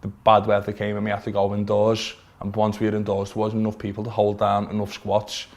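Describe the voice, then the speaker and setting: With a lowish, darkish voice touched by vocal fry, a twenty-something vape shop owner from Liverpool speaks in his accent, earnestly setting out his views at length. The documentary interview takes place inside his small shop.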